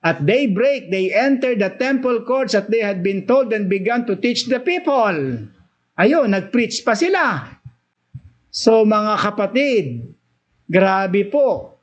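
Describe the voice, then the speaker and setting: A man's voice: high-pitched, very animated, slow, muffled recording. A man with a Filipino accent preaching a Bible study sermon, switching between Tagalog and English, reading verses aloud and then explaining them with rising, emphatic bursts.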